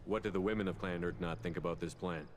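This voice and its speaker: Man as a low-voiced, composed military commander. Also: fairly even intonation, slight background noise, close to an everyday voice. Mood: calm, inquiring. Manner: measured, matter-of-fact. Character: steady male military commander, composed and direct. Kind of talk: scripted video game dialogue. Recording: long reverb, faint game ambience.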